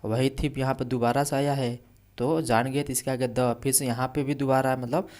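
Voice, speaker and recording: A man teaching English reading in Hindi, patiently repeating each word with its meaning and reading story words out slowly. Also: mid-range voice, flat delivery, darkish tone.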